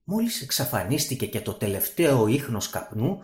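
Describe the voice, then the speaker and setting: A man narrating a fairy tale for radio in a dramatic, expressive way. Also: mid-range voice. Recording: roomy studio echo.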